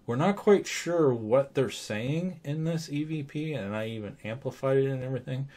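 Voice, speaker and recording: A man co-hosting a paranormal vlog in casual conversation, stretching words for emphasis in a halting way. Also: mid-range voice, a little mellow. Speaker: paranormal show co-host. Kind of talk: casual two-host vlog discussion.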